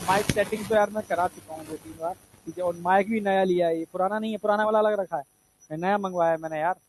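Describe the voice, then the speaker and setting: A man's voice: sits high, steady tone, fast, noisy background. A man teaching a biology exam-prep lecture in a chatty way, often checking whether students follow. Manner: chatty, repeats "theek hai" often, asks students if they follow. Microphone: lapel mic.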